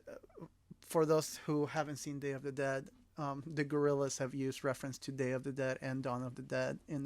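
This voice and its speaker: With a fairly high-pitched voice in a dry recording, a male podcast co-host from El Salvador, speaking his native Spanish, chats casually and earnestly enthusiastic about films.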